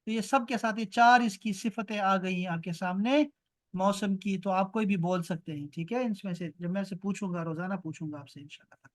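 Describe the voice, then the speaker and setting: A man teaching an online language lesson over a video call. He repeats each word slowly, explains it, then hurries through quick asides. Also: high-pitched. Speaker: Arabic teacher.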